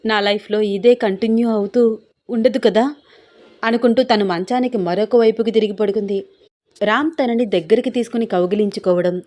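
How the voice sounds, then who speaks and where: A woman reading a romance story aloud as a storyteller, in a steady, expressive way. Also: medium pitch, dry recording. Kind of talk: scripted story narration.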